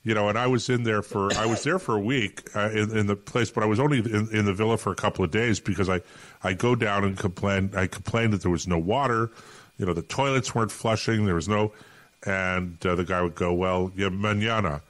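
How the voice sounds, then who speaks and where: A man's voice: on the low side, a little fast. A Canadian man co-hosting a talk podcast, telling a rambling anecdote full of restarts and fillers. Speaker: podcast co-host.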